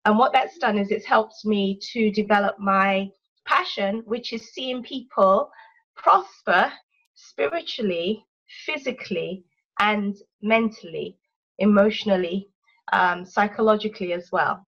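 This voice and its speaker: Woman, podcast guest, slow and easygoing, muffled call line. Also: medium pitch, a bit bright. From London, England. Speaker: podcast guest, life coach. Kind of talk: casual interview chat.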